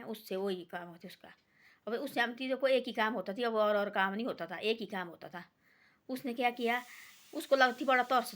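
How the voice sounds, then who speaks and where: A woman tells a devotional folk tale in a loose, chatty way. She rambles and repeats herself, slipping the same little tag between each quoted line. Her voice sits at an ordinary pitch for a woman. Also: fairly bright tone. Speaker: storyteller. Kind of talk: casual devotional storytelling.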